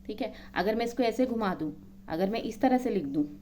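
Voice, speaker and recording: A woman's voice: medium pitch, expressive, a little fast, warm tone, slight background noise. A woman maths teacher explaining a lesson, counting items aloud one by one and checking in often with her students.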